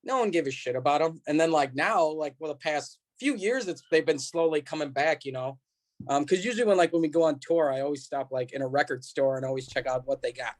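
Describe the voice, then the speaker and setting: A Chicago-born American musician in a band chats casually as a guest on a podcast, rambling and dropping plenty of "like" and "you know." His voice is fairly high-pitched and brisk.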